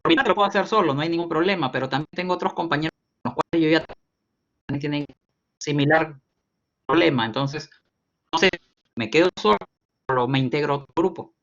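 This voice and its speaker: A man speaks in a somewhat high voice, hesitant and polite, with plenty of fillers. His call audio crackles and breaks up as it cuts in and out. The sound is dull and muffled. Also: fairly quick, pauses often, fairly bright tone. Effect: choppy, crackling call audio that cuts in and out. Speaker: student. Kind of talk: student asking a question in an online class.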